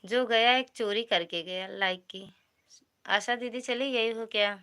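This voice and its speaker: A woman with an Awadhi accent chats her way through a live stream as host. She speaks slowly and unhurriedly, with a bright, forceful tone. She calls each viewer brother or sister. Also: fairly high pitch, smooth. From Pratapgarh, Uttar Pradesh, India. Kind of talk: casual live chat with viewers.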